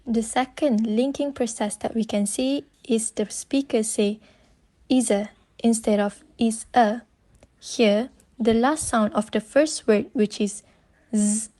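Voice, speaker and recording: Young woman, Malaysian English accent, Malay native speaker, slow scripted student presentation, slightly high voice. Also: dark tone. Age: young adult. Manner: careful, explanatory reading of prepared notes.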